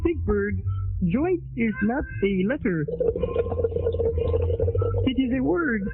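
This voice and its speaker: Slow, hesitant Kermit the Frog parody. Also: male voice, very high voice, sing-song, slightly rough, exaggerated voice. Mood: earnest, hesitant. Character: Kermit, stoned, hesitant male puppet frog host. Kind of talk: crude puppet parody sketch. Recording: dull lo-fi audio over music.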